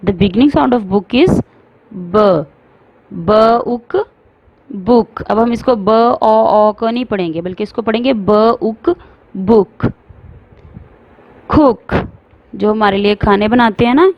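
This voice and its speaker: A woman teaching phonics to young children, sounding out words slowly and explaining in Hindi mixed with English. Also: a little high, dry recording, dull audio. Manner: slow, drawn-out sounding out of words.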